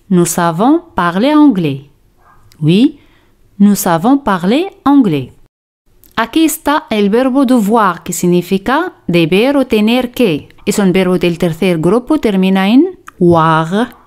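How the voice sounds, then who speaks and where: Woman teaching french really slow, says each phrase twice, steady mid voice. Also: medium pitch. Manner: slow, deliberate, repeats phrases for drilling. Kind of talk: slow scripted language lesson.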